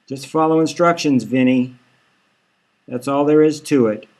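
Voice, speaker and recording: A man's voice: medium pitch, measured pace, darkish tone, lightly acted. A man reading a novel aloud, voicing a bossy woman who gives curt orders and brushes others off. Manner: curt and commanding. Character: bossy dismissive woman handler.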